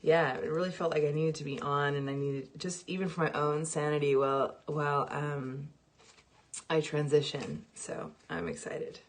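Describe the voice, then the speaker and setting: A middle-aged woman speaks into her phone on a morning livestream, her voice sitting a little low for a woman. She chats casually, greets viewers by name and laughs easily, then moves into calm guidance for a meditation. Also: moderate pace. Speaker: meditation guide.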